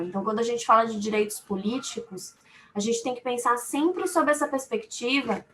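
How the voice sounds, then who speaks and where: Speaking with a Brazilian accent from Salvador, Bahia, this woman is a law firm lawyer on a webinar panel, explaining things off the cuff. Her tone is bright and forceful and sits fairly high, with a little hiss or hum in the audio. Her style is didactic, built on everyday examples and repeated phrasing.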